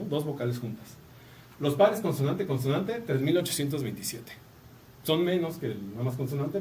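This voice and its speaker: A Mexican man lectures at a rapid clip in a relaxed, chatty way, tagging his points with a quick "no?" and slipping in jokes. He sounds a little distant from the microphone, with a faint hum of room noise behind him. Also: medium pitch. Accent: Mexican Spanish. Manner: chatty, tags phrases with a questioning "no?", joking asides. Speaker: university lecturer. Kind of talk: casual academic talk.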